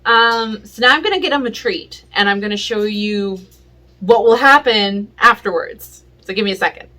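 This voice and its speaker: A woman casually explaining dog training in a home vlog, relaxed and chatty, with plenty of fillers. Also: medium pitch, moderate pace. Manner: relaxed and chatty, with many fillers and little laughs. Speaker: pet vlogger. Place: home, indoors.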